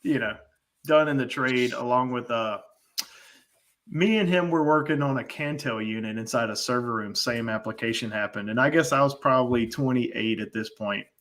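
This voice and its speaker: A man, an HVAC technician, telling animated trade stories in casual podcast chat, full of slang. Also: medium pitch, normal speed.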